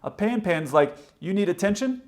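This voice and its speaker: This pilot hosts a video on aviation radio, walking through flying procedures in plain-spoken, opinionated commentary. His voice sits high with lively intonation and a darkish tone, at a moderate pace.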